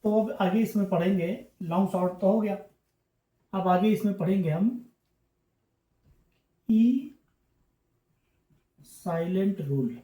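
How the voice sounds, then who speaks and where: A man teaching a grammar lesson, explaining patiently and repeating himself, often pausing to check in with the class. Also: sits high, mellow, echoey room. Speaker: English teacher.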